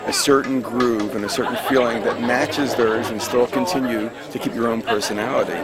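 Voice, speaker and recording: A man, a musician, giving a reflective informal tribute speech at a gathering, pausing with hesitant fillers. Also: medium pitch, fairly even intonation. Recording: loud crowd noise.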